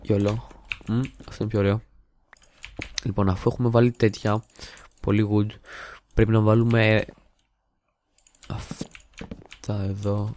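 Recording at home on a desktop studio mic, a young gaming channel host chats through a casual let's-play, joking, rambling and humming or muttering while building. He speaks at a fairly low pitch in a flat, darkish tone with long pauses, over slight background noise.

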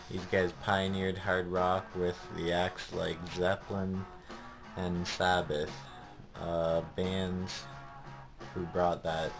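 A young man, a teenager or young adult, records a casual video diary in a small bedroom at home, holding the camera at arm's length. His low voice has vocal fry and a flat tone, and he rambles hesitantly. The audio is poor.

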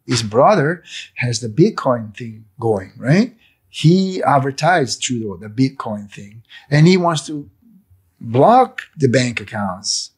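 A man who owns a cafe gives an emotional personal testimony in an interview. He has a husky voice, restarts and repeats words, and turns loud and indignant as he goes on. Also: mid-range voice, lively intonation, slow pace. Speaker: cafe owner, interview guest.

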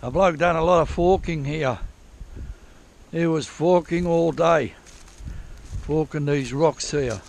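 With a head-mounted action camera rolling outdoors, this prospecting vlogger meanders through old diggings, fixing his own words and swearing offhandedly. His slightly high voice is slow, with vocal fry and long pauses.

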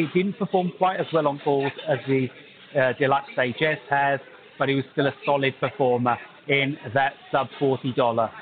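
Man through a tinny bluetooth earbud mic. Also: on the high side. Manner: chatty, thinking aloud, with small laughs. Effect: heard through a bluetooth earbud mic on a call. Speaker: tech reviewer. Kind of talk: casual product review talk. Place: busy coffee shop, indoors.

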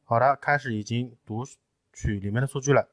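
A man's voice: mid-range voice, fairly quick, no room sound. Man patiently walking through a tutorial. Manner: patient step-by-step explaining with fillers. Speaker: tutorial presenter. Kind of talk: screen-recorded technical tutorial.

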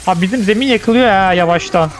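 Excitable high-voiced young man gaming. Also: fast, a little hiss or hum. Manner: playful, chatty, shouts excitedly in fights. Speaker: gameplay commentator. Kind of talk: let's play commentary.

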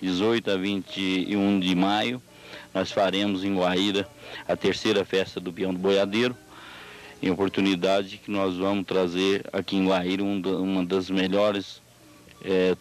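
A middle-aged man giving a formal, measured promotional interview into a handheld microphone. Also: low-pitched, poor audio. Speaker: rodeo festival organiser being interviewed. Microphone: handheld interview microphone held by interviewer. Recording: old 1990s videotape TV recording.

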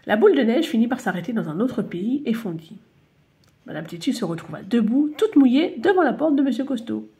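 Animated woman reading a children's story. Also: on the high side, fairly quick. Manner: animated, playful.

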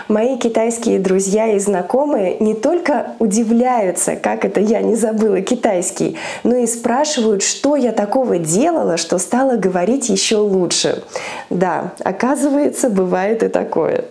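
A woman in her thirties, a Chinese language teacher and school founder, delivers an upbeat scripted video lesson to camera from a small room, wearing a lapel mic. Her medium-pitched voice has a dark tone, and she gestures with her hands while presenting points clearly, like a list.

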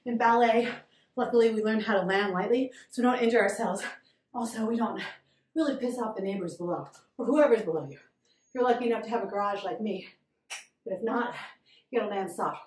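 A young woman fitness instructor leads a workout from her garage, cheering people on as she counts down each set. She is audibly out of breath, and her voice carries from a distance in an echoey space with a faint hiss behind it. She paces her cues slowly. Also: medium pitch, darkish tone. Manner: upbeat, encouraging, counts reps aloud. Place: home garage.

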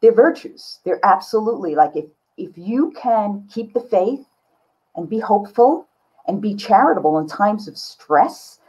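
A husky, slightly mellow mid-range voice with lively intonation and a somewhat slow pace comes from an older woman artist interviewed over video call. Her talk is casual, candid and reflective, recorded indoors in a book-lined home studio with slightly dull call audio.

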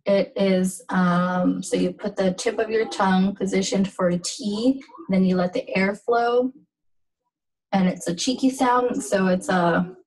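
A woman teaching a pronunciation lesson, speaking slowly and carefully and repeating each sound and word. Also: mid-range voice, fairly even intonation, a little mellow, far from the mic, low-quality recording. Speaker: language teacher.

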